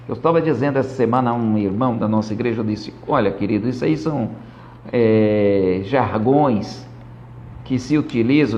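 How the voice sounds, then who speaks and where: A man's voice: fairly high pitch, a little mellow. A Brazilian man, a pastor giving a live-streamed Bible lesson in a didactic, emphatic way, often checking that listeners follow. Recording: dull, lo-fi live stream audio.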